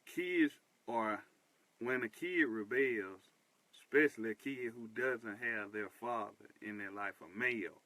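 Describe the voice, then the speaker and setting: A man's voice: medium pitch, unhurried, pushed and bright, no room sound, rough recording. A man in his thirties hosting a show, talking earnestly about his life in a personal monologue, repeating points for emphasis. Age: 30s. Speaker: host.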